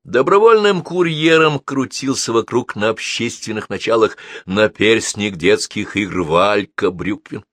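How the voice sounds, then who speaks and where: A man reading an audiobook aloud in expressive, ironic scripted narration. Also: on the low side, unhurried, few pauses, no room sound, studio quality. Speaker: audiobook reader.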